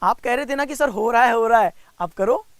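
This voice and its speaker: A young Indian man teaching reasoning in a live online class, mixing Hindi with English, coaxing and teasing students by name and slowing down to spell out each step. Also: very high voice, fairly bright tone, clear, resonant tone, dry recording. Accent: Indian English mixed with Hindi. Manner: coaxing and teasing, reads out student names, slows down to spell out steps. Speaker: reasoning teacher for bank exams.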